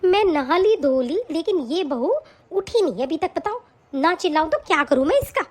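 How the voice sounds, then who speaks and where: A woman's voice: very high voice, big pitch swings, moderate pace, darkish tone. A woman voicing a nagging, scornful middle-aged mother-in-law in a cartoon, scolding and taunting harshly. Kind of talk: cartoon voice acting.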